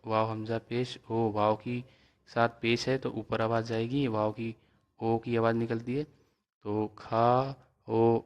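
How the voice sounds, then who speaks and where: A man teaching a reading lesson, spelling out letters and vowel marks slowly and then blending them into words. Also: medium pitch, clear, resonant tone, lo-fi sound.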